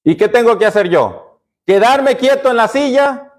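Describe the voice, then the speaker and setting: A man's voice: very high-pitched, animated, moderate pace. A man pastor preaching a sermon, constantly asking the congregation questions and answering them himself. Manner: call-and-response questioning of the congregation.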